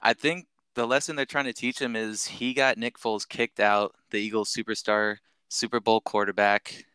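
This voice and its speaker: A man's voice: fairly low pitch, fairly even intonation, moderate pace, sharp tone, clean tone, no echo. A man co-hosting a casual sports podcast, cracking wry jokes. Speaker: podcast co-host.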